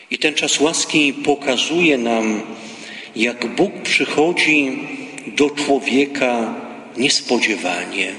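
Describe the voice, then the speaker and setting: A man, a priest, reading the gospel and preaching a homily in a slow, measured liturgical manner, recorded in a church. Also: mid-range voice, pushed and bright, slight background noise. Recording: echoey church with long reverb.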